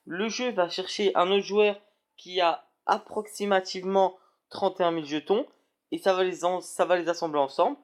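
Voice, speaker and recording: A man's voice: high voice, steady tone, normal speed. Hesitant young man narrating a game. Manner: hesitant, many fillers and restarts. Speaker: gaming video creator. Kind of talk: screen-recorded game walkthrough.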